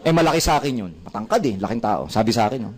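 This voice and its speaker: A man with a Filipino accent giving a motivational seminar talk, animated and full of stories told with quoted dialogue. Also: lowish voice, racing, slightly rough. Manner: animated, storytelling with quoted dialogue, mixing Tagalog and English. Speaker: network marketing speaker.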